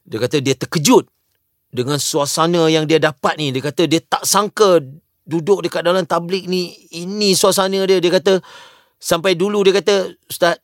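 A man's voice: high-pitched, fairly even intonation, normal speed, no echo, clean studio sound. A man with a Malaysian Malay accent, co-hosting a casual podcast chat and telling stories animatedly, mixing in English words. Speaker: co-host.

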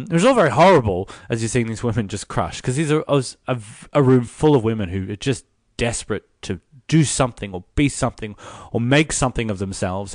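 A man's voice: on the low side, no room sound, studio quality. A man co-hosting a casual review podcast, retelling scenes with swearing and playful acted quotes. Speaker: co-host.

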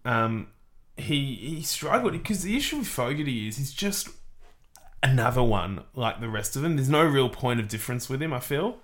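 A man's voice: mid-range voice, lively intonation, normal speed. A man with an Australian accent co-hosting a casual football podcast, informal and given to repeating himself for emphasis. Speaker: podcast co-host. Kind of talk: casual football analysis chat.

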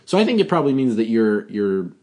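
A man's voice: fairly low pitch, big pitch swings, fast, mellow. A man co-hosting a podcast, rambling through a casual chat and laughing often. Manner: giggly, rambling. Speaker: podcast host.

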